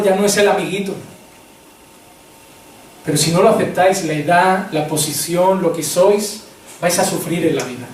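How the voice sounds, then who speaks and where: A man's voice: sits high, a little hiss or hum. A man with a Spanish accent preaching a sermon as a pastor, speaking directly to the congregation and retelling vivid scenes. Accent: Spain. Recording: echoey hall from far off.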